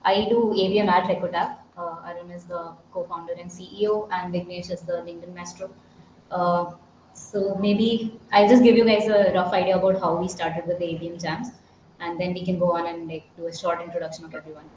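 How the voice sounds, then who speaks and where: Female host, Indian accent, lowish voice, casual delivery, roomy call audio with muffled sound. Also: fairly even intonation, a little fast, darkish tone, slight background noise. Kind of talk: casual hosting. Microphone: online call.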